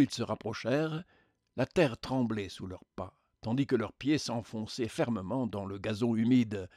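A man reads a literary tale aloud as an audiobook, measured and even in his delivery. His voice sits at a middle pitch. The recording is dry and close. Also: no echo. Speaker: narrator. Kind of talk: audiobook narration.

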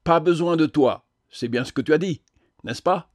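A man's voice: fairly high pitch, normal speed, no room sound, studio quality, lightly acted. A man voicing a theatrical, self-pitying man, with declamatory, sarcastic delivery. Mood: bitter.

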